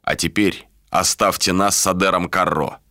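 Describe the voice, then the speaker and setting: A man doing a cold, contemptuous ruler for an audiobook, speaking low and slow and weighing every word. His tone is bright and edgy, and it sits in a dry, close recording. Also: fairly even intonation, no room sound. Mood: cold, commanding. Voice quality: low and measured.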